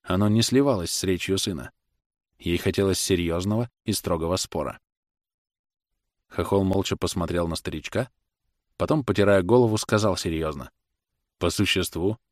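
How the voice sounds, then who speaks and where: Male narrator, low voice, measured literary reading, dry close booth sound. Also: no room sound. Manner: measured, even storytelling. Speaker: audiobook narrator.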